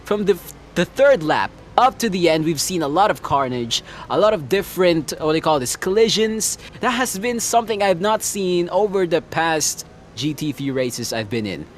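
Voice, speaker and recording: A man doing casual live commentary on a sim racing stream, relaxed and chatty, laughing often. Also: fairly high pitch, moderate pace, a little hiss or hum.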